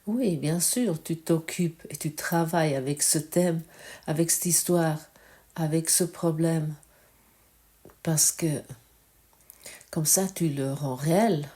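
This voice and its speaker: A woman giving a spiritual teaching talk, reflective and halting, often asking the listener direct questions. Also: low-pitched, mellow. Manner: searching for words, halting.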